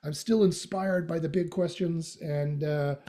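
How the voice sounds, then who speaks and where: A man's voice: a little high, steady tone, unhurried, warm tone. A middle-aged man from Western Canada with a slight Canadian accent, chatting as a podcast guest with many fillers, restarts and joking asides. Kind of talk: casual interview chat.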